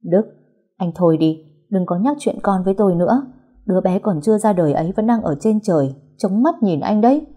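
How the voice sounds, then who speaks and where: A woman voicing a frightened young woman who pleads and shouts tearfully in an audio story. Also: mid-range voice, expressive, fairly quick, breathy edge. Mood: angry.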